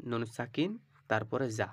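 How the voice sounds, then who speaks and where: A man's voice: medium pitch, creaky, a bit bright, dry recording. A man teaching Quran reading, spelling out syllables one by one and drawing out the recited words, often checking with "right?". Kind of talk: slow spelled-out recitation lesson.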